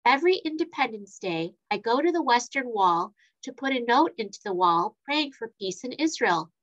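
Brief: woman reading as an earnest young friend, slightly high, muffled sound. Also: expressive, moderate pace, a bit bright. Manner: earnest, questioning.

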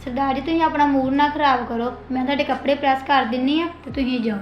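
A woman's voice: sits high, fairly even intonation, quick pace, highs cut off, faint music behind, natural voice. A woman playing a young wife who pleads with her husband and mother-in-law, plaintive in an amateur family drama.

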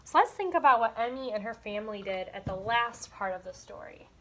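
A young woman with a high, lively voice speaks fairly quickly in a pushed, bright tone. She teaches kindergarten from a small room at home, explaining things simply and asking questions as though the children are answering. Her device camera sits a step or two away.

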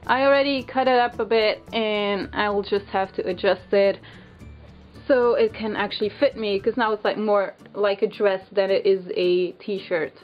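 A woman's voice: medium pitch, steady tone, normal speed, faint music behind. A woman with a Dutch accent chatting casually and informally as a vlogger, in a rambling, giggly way, filming indoors on a handheld camera. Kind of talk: casual chat, showing a haul. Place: small bedroom, indoors. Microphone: handheld camera's built-in mic. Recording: muffled lo-fi handheld camera sound.

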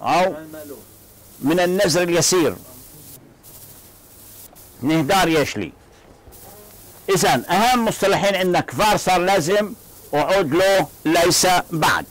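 A man with a fairly high voice leads a classroom language lesson. He drills short phrases slowly and has his students repeat them. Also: rough recording. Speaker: language teacher. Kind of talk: classroom lecture.

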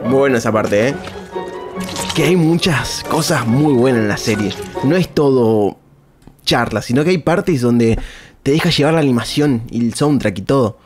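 Cartoon music plays in the background as an Argentine-accented streamer at an indoor desk gives casual live reactions to a video, tossing out slang exclamations and saying things over again. A close microphone on a boom arm captures his animated, medium-pitched voice at a moderate pace.

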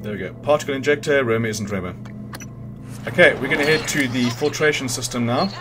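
A man with a medium-pitched voice talks fast over background noise, game music and sound effects playing behind him. He's a gamer hosting a video game guide, narrating a casual, informal walkthrough where he thinks aloud and corrects himself along the way.

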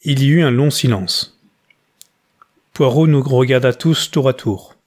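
Man, audiobook reader, measured narration, mid-range pitch. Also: a little mellow. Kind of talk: reading a novel aloud.

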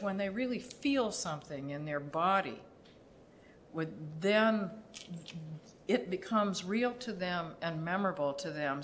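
Slow, low-voiced older woman lecturing. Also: a little hiss or hum. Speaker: architect presenting her firm's work. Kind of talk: public lecture. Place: dim lecture hall, seated at a table on stage.

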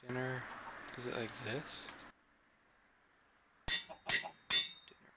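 A man's voice: medium pitch, steady tone, slow. A teenage boy from Canada, rambling tiredly through casual let's play commentary as the channel host. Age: teens. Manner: rambling, chatty, tired and yawning. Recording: home mic with clear background noise.

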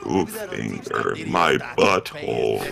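A calm, deep-voiced home computer speaks in a slow, drawn-out, flat robotic way, as a man puts it on. The tone is gravelly and very low, sinking well below his usual voice, and it stays creepy and insistent. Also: crowd noise, full character voice. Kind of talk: live stream banter.

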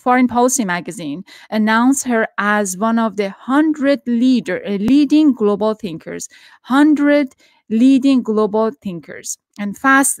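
Speaking from her home study, a middle-aged woman from Iran introduces and questions a guest on her podcast via video call, using a studio mic and headphones. Her fairly high voice comes across earnest, with frequent restarts, in a dry recording.

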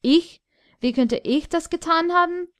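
A humble court jester, tense and uneasy, as a woman reading an audiobook puts him on. His voice sits high and strained, with dry, close sound. He speaks in a distracted way. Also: fairly even intonation, measured pace, mellow, dry recording, close to an everyday voice. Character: drunken court jester dwarf, humble man.

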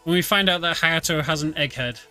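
With game music and vehicles audible behind him, a streamer and speedrunner gives relaxed play-by-play commentary, explaining his actions. His pitch is fairly high and he speaks a little fast.

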